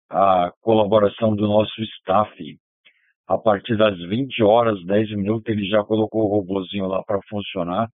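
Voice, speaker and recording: A man's voice: fairly low pitch, no echo, narrow, tinny audio. A man running and closing an amateur radio net, reading out call signs in the phonetic alphabet, heard over a digital ham radio link. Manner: steady, reads call signs in the phonetic alphabet, keeps asking "tá bom?". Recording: thin, dry digital radio audio.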